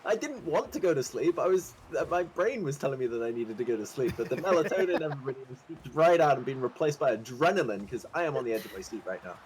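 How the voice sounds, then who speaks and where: A man giving esports color commentary, joking and breaking into excited exclamations. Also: mid-range voice, fast, hardly any pauses, a little hiss or hum, poor audio.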